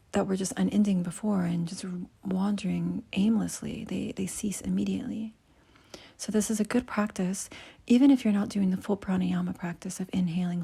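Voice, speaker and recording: A woman teaching yoga breathing and meditation in a soft, husky, near-whispered voice, giving unhurried instructions. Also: mid-range voice.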